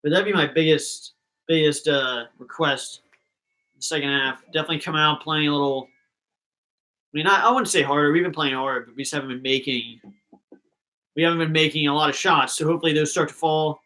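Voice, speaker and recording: Young man, casual fan stream host, rambling chatter, fairly high voice. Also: a little fast, pushed and bright, rough recording. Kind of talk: casual live reaction commentary.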